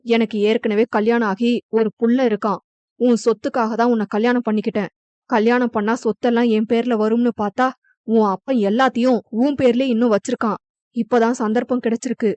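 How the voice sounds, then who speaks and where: A woman's voice: fairly high pitch, level tone, fairly quick, darkish tone, no room sound, lo-fi sound, natural voice. A woman voicing a scheming, greedy middle-aged husband who sneers with cold menace. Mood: menacing.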